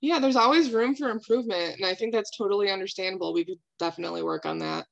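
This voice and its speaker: A woman speaking as a calm therapist in a counseling role-play, validating and asking reflective questions. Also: medium pitch, quick pace, creaky, highs cut off.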